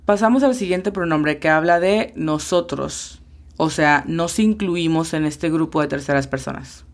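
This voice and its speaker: A woman with a low voice teaches a language lesson. She talks at an unhurried pace and spells each sound out carefully, letter by letter. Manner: slow, careful spelling-out of pronunciations. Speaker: English teacher.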